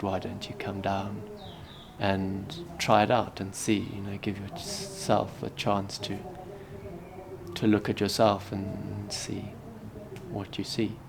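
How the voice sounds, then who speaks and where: Thirties monk from zimbabwe, low voice, kinda flat, talks soft and unsure, noisy background. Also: male voice, gravelly. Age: 30s. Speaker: Buddhist monk. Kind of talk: reflective interview answers.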